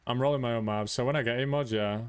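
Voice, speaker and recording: A man streaming a game, chatting casually and blurting out excited reactions. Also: medium pitch, fast talker, smooth, no echo. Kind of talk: casual live-stream chat.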